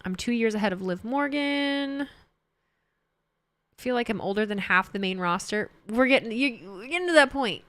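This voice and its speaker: A woman's voice: on the high side, lively intonation, moderate pace, fairly bright tone, no echo. Chatty woman in her thirties, dry mic. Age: 30s. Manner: chatty, rambling, self-correcting. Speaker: streamer. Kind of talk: casual livestream chat, reading chat.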